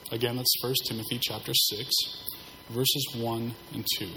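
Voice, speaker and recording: A hoarse pastor gives a sermon in a measured, subdued manner, sparing his strained voice. His middling pitch carries a long reverb from the hall over faint background noise. The delivery is flat, yet the tone is bright and forceful.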